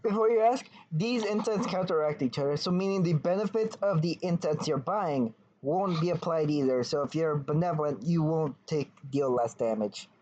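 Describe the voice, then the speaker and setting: A man's voice: a little high, moderate pace, few pauses, darkish tone. A man running a tabletop game over voice chat, explaining the rules loosely and swearing often. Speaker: game master. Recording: dull lo-fi voice chat with faint noise.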